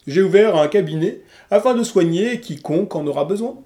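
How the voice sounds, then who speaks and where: A man voicing a huge, kind blue dragon who heals, speaking softly and gently in a storybook reading. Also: high-pitched, expressive, echoey room. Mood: explaining. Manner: soft and kind, slow chanting spells.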